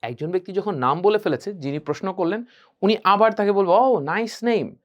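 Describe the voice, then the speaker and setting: Guy running an english speaking class, super animated, keeps drilling lines over and over. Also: high-pitched, a little fast, dull audio. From Bangladesh. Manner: animated, drills phrases by repeating them. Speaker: English teacher.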